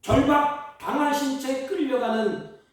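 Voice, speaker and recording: A man pastor preaching a Sunday sermon, theatrical, jumping between loud exclamations and hushed asides and slowing down to act out quoted dialogue. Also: very high voice, steady tone. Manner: acts out quoted dialogue in slowed, drawn-out lines. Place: church sanctuary. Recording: very echoey church hall, mic far off.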